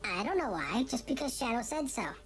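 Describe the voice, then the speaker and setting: A man's voice: very high voice, very animated, fairly quick, a bit bright, pitched above the performer's own voice, full character voice. A man streaming a baseball game while putting on a baby voice for fun. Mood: babyish. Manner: put-on baby talk for fun. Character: high babyish voice of a grown man. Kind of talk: casual game commentary.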